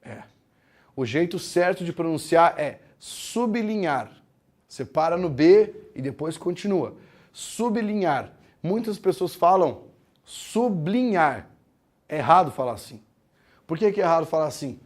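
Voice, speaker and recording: A man teaching a grammar lesson, explaining step by step, asking the class questions, and slowing down to break words into syllables. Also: a little high, expressive. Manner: slows down to spell out words syllable by syllable. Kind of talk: classroom lecture.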